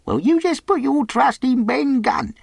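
A man's voice: very high voice, unhurried, creaky, husky, no room sound, clean studio sound, voice pushed up, full character voice. A man voicing a half-crazed, sly, eager marooned old pirate with rustic sailor's talk, in a storybook reading. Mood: shrewd, wheedling. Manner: rustic ungrammatical sailor's talk, repeats himself excitedly.

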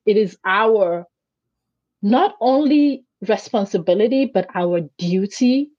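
A Greek-speaking woman, appearing as an interview guest, tells her stories with animation and acts out the voices of the people she quotes. Her pitch is medium and she takes her time, in a conversational interview with lo-fi sound and no echo.

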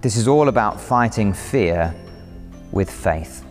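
Slow-paced male preacher in a reverberant hall. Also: on the low side, animated. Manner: storytelling, vivid dramatic retelling. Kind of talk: sermon. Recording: reverberant hall, faint music.

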